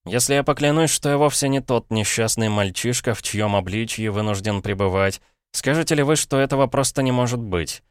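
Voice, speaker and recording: A man reading an audiobook voices an elderly man trapped in a schoolboy's body, pleading and insistent, his voice pitched high and strained. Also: brisk, smooth, dry recording, clean studio sound, close to an everyday voice.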